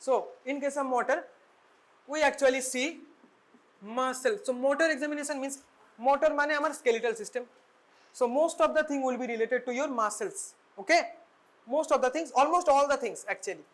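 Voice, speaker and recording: A young woman with a Bengali accent teaching a medical class, her voice sitting a little high. She mixes English and Bengali, often fast, and punctuates points with tag questions like "okay" and "right". The delivery is that of a lecture to a room of students. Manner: switches between English and Bengali, quick asides with questioning tag words.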